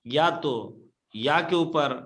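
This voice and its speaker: A man teaching Quran reading in an online class. He patiently repeats each rule, keeps checking that his students follow, and recites the Arabic examples slowly. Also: a little high, fairly bright tone.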